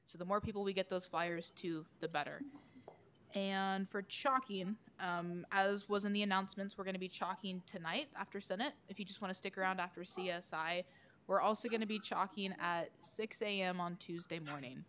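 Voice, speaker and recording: A woman's voice: medium pitch, steady tone, normal speed, a bit bright. Chatty young woman giving a report. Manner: chatty, breezy, laughs between items. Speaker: committee chair. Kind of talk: committee report at a student meeting. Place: meeting hall.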